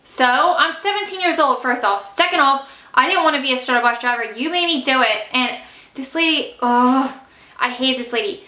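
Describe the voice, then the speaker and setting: A young woman telling a casual storytime vlog, emphatic and fired-up, talking fast with many fillers. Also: sits high, bright, forceful tone, roomy sound. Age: young adult. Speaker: vlogger.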